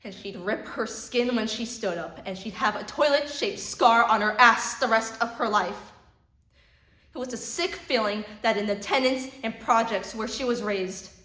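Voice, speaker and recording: Tragic heroine played by a woman: sorrowful, bitter, haunted monologue with weighted pauses, medium pitch, roomy echo. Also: close to an everyday voice. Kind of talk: theatrical dramatic monologue. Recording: echoey room.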